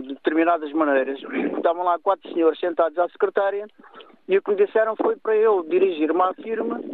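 A man with a European Portuguese accent calling a radio show, telling his complaint in an indignant, repetitive and hesitant way. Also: high-pitched. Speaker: caller. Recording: tinny phone line.

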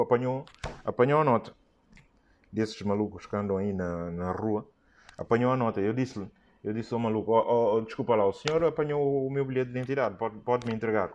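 Man, mid-range voice, lively comic storyteller, plays all the parts. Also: mid-range voice, highs cut off, a little hiss or hum. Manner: lively, acts out both sides of dialogues.

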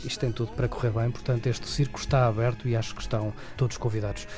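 A man's voice: mid-range voice, little pitch movement, very fast, music in the background. A man with a European Portuguese accent giving a conversational, wordy film review, often repeating and rephrasing as he goes. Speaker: film critic.

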